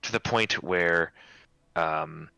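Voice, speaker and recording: A man's voice: low-pitched, slow, gravelly, bright, forceful tone, clean tone, dry recording. A man narrating an improvised tabletop game as game master.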